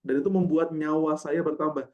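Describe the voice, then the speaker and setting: A man in his twenties, a guest speaker giving a lively, joking talk in casual colloquial speech. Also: a little high, brisk, highs cut off. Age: 20s. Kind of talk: casual religious talk to an online audience.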